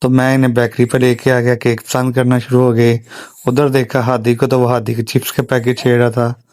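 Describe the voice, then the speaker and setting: A father tells a family vlog in a steady voice-over, walking through the day step by step. His pitch barely moves and stays near a monotone at a middle height. The sound is dry and close, with no room in it. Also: a little fast, no echo. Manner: plain step-by-step recounting. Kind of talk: voice-over storytelling.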